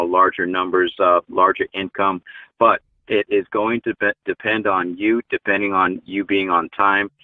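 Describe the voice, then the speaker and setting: A deep-voiced truck driver in his forties speaks earnestly, filling his sentences with fillers, as a guest in a casual interview over a video call. The recording is dry, with a tinny phone-line quality.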